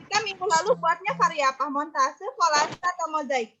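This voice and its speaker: A woman's voice: very high voice, animated, fairly quick, bright, forceful tone. A woman teacher questions her pupils over a video call, patiently repeating herself while her audio cuts in and out on a choppy connection. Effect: choppy, breaking-up video call audio. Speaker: primary school teacher. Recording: dull lo-fi call audio with faint noise.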